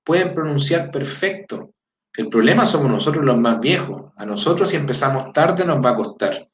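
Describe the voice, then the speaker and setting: With a fairly high pitch, lively intonation and normal speed, a Chilean man teaches his language in easygoing talk, reading greetings and checking in with listeners. He peppers his speech with fillers and "¿ya?" and is an adult father of a four-year-old. Sound quality is lo-fi: dull, roomy and distant.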